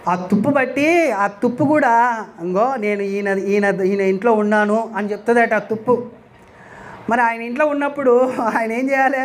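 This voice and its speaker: Emphatic high-voiced male preacher. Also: fairly even intonation, moderate pace, a little hiss or hum. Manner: emphatic, rhetorical questions, repeats scripture lines aloud. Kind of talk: sermon.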